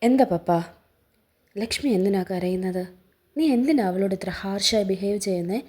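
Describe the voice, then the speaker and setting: A woman voicing a domineering middle-aged father who shouts and gives commands in a storybook reading. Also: medium pitch, normal speed, slightly rough, close to an everyday voice. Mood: stern. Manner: bellowing, commanding.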